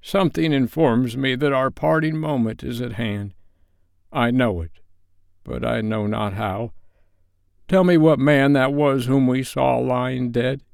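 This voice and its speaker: A man's voice: mid-range voice, measured pace, gravelly, a little mellow, smooth, no room sound, studio quality, pitched above the performer's own voice. A man playing an anxious, humbled old miser in a storybook, speaking in formal, earnest pleas. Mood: uneasy, solemn.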